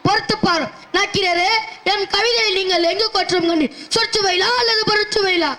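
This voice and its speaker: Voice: extremely high pitch, brisk, sharp tone. A performer playing a proud, haughty male poet who boasts and challenges in formal declamation. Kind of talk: Tamil stage-play acting.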